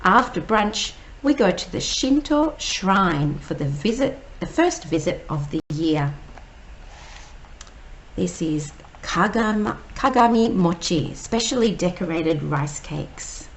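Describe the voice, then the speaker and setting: Slow, lively woman reading a storybook. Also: on the low side, a little hiss or hum, poor audio. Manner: slow, gentle, explaining each word. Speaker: teacher reading a picture book aloud. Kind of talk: read-aloud storytime.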